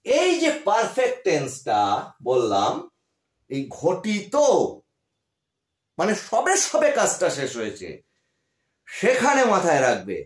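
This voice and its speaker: Male tutor with a West Bengal Bengali accent, high animated delivery, patient and repetitive, roomy echo. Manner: patient, repeats key words, frequent check-in questions. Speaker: English grammar teacher. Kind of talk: classroom-style grammar lesson. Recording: echoey room.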